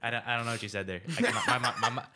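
A man's voice: medium pitch, steady tone, very fast, bright, forceful tone. A young man hosting a casual chat, playful and goofy, laughing often between words. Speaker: podcast host.

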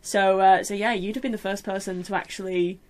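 A chatty woman hosting a casual podcast. She talks in an animated, friendly rush and laughs easily between stories. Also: medium pitch, a little fast. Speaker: podcast host. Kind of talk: casual chat.

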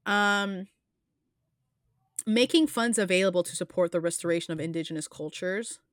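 A woman's voice: on the low side, moderate pace, no echo, studio quality. A woman hosting a podcast, talking casually and earnestly, rambling with frequent restarts and fillers. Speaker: podcast host.

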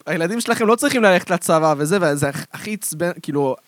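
A man with an Israeli accent chatting casually as a podcast co-host, slangy and animated. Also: sits high, no room sound. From Israel, born in France and moved at age five.

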